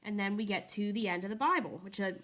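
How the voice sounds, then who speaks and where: With a medium-pitched, somewhat bright voice at a quick pace, a woman chats casually through a Bible review, turning pages as she speaks. She's friendly and a little out of breath.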